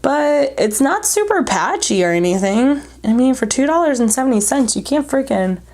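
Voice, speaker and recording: Congested from allergies and nearly hyperventilating, a beauty vlogger reviews makeup while applying it, chatting to camera informally and bluntly with jokes thrown in. Her voice sits high with big pitch swings, a little mellow, at a moderate pace.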